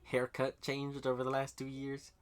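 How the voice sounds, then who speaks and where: A man's voice: mid-range voice, completely flat delivery, normal speed. A man chatting casually about a manga arc, swearing freely, laughing often and acting out the characters' lines. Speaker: podcast co-host. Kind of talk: casual chat recapping manga.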